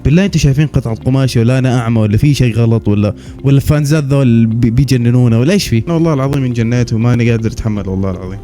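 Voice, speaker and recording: Man hosting reactions, dark-toned, mocking and quick-fire. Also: mid-range voice, faint music behind. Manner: sarcastic, incredulous, joking. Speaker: reaction video host. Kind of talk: comedic reaction commentary.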